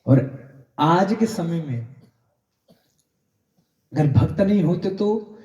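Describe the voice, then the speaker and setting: A male preacher telling devotional stories in an emphatic, direct way. His voice sits a little high but sounds very mellow and dark. The hall adds a strong echo. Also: expressive, takes it slowly, far from the mic, highs cut off. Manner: emphatic, addresses audience directly. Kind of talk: devotional sermon storytelling. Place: satsang hall. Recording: echoey room.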